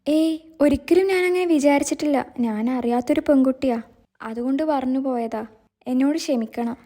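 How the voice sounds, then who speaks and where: A man's voice: extremely high pitch, moderate pace, warm tone. A woman voicing a worried, kind-hearted young man who hit a girl with his car, speaking earnestly and apologetically. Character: young man, anxious but kind driver.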